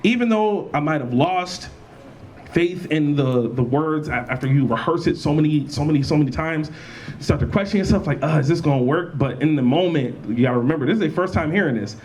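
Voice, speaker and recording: A young man speaking as a panelist at a convention, animated and laughing often, with lots of restarts. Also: a little high, brisk, a little hiss or hum. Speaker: panelist, battle rapper. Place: college event room.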